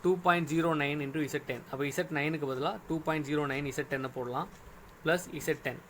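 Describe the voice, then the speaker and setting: Guy teaching an engineering class step by step, words, bit high voiced, faint hum. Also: fairly even intonation, a little fast, fairly bright tone. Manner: patient, step-by-step, often checks "okay?". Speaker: engineering lecturer. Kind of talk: recorded classroom lecture.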